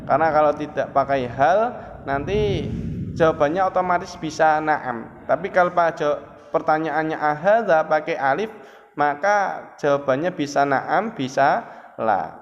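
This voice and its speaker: Male teacher, slightly high voice, patient step-by-step explainer, in a roomy, dull-sounding recording. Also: measured pace, slight background noise. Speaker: Arabic teacher. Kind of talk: classroom explanation with a student. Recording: roomy, dull lo-fi with faint ambience.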